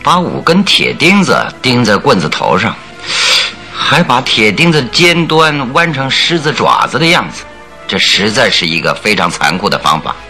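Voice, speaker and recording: An actor playing Sherlock Holmes, a shrewd, compassionate detective, in a deliberate theatrical radio drama style. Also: male voice, medium pitch, very animated, pushed and bright, faint music behind. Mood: measured, probing. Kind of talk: Mandarin radio drama acting.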